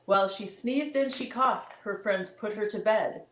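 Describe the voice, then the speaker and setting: A woman's voice: medium pitch, normal speed. A woman reading a rhyming picture book aloud to children, with chatty asides to the kids. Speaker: storybook reader. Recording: roomy echo.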